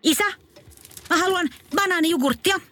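A woman's voice: extremely high pitch, pushed and bright. A woman voicing a spoiled, demanding little girl in a comic radio story, whiny and stubborn.

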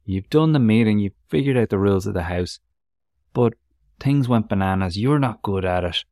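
Deep-voiced man asking rambling questions. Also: expressive, normal speed, darkish tone, no room sound, clean studio sound. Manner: chatty, asks long rambling questions. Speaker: parenting podcast co-host. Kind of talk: casual podcast chat.

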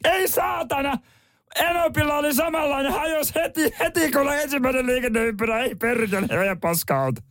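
A man doing a loud, rough gas station attendant voice, high and shouted, with crude cursing and small-talk. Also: dry recording, studio quality. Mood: rowdy.

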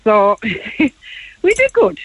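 A woman's voice: high voice, huge pitch swings, slow pace, dry recording. A chatty, modest woman, calling in to a radio show over the phone while walking outside on her round. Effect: heard over a phone line. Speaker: radio call-in caller, postal worker. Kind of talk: casual chat on a radio call-in. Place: outdoors on a street, walking on her delivery round. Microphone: mobile phone held while walking. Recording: dull lo-fi phone line, dry.

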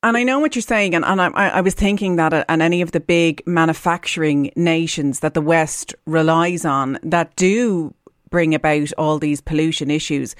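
A woman with an Irish accent hosts a radio phone-in in a conversational way. Her voice sits a little low, and the studio sound is close and dry. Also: moderate pace, no echo. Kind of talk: conversational live radio hosting.

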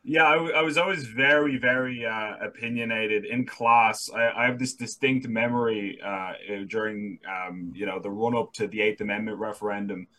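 A man's voice: lowish voice, steady tone, normal speed, few pauses, pushed and bright, low-quality recording. A young man with a Dublin accent, a political correspondent talking candidly as a guest, often restarting his sentences. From Ireland. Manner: earnest, candid, with frequent restarts. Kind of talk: casual interview.

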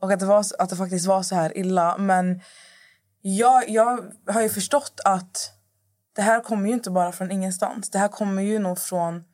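A woman's voice: mid-range voice, steady tone, a little mellow. A woman talking casually as a guest on a podcast, rambling and restarting her sentences as she searches for words. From Middle East. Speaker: guest influencer.

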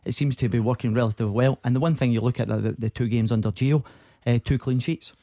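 A Scottish man breaks down football tactics on a radio panel, rapid and chatty, often repeating a word before he finds the next one. His tone is mellow and relaxed. The studio mic is close and dry. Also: mid-range voice, no echo. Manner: rapid, chatty, repeats words while thinking. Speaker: football pundit. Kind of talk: radio sports analysis.

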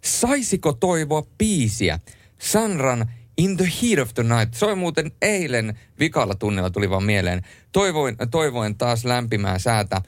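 A man hosting a late-night radio show in a studio, chatting and joking lively and reading listener messages aloud. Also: medium pitch, dry recording. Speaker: radio host. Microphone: studio microphone.

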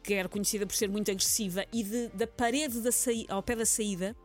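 A woman's voice: medium pitch, steady tone, brisk, faint music behind. A woman with a European Portuguese accent presenting casual comedic radio commentary in a playful, wry way. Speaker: radio humour segment presenter.

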